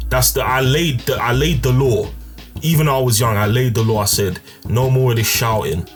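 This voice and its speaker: Young man telling a casual story. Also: medium pitch. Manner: casual slangy retelling with fillers. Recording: faint music behind. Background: faint background music.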